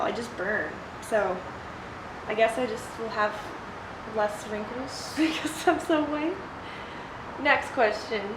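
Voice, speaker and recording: A young adult woman chatting informally and bluntly as she answers viewer questions in a solo vlog. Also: mid-range voice. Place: ice bath, sheltered outdoors or open to rain. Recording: roomy echo with clear background noise.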